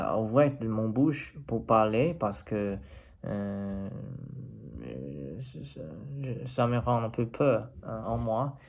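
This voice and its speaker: A Chinese man, a native Mandarin speaker learning another language, talks unscripted in his personal vlog. His Chinese accent is clear and he halts while hunting for words. His fairly low voice is mellow and shows vocal fry.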